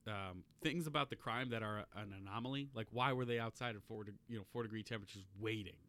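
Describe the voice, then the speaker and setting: A man's voice: fairly low pitch, fast, a bit bright, a little hiss or hum. A young man co-hosting a podcast, talking in a hesitant, rambling way and laughing often. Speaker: podcast co-host. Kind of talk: casual chat.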